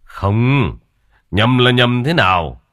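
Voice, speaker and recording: A man voicing a short-tempered old village coffin maker who talks gruff, blunt and scolding. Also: medium pitch, lively intonation, slow, fairly bright tone, no echo, clean studio sound, voice pushed up. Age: older.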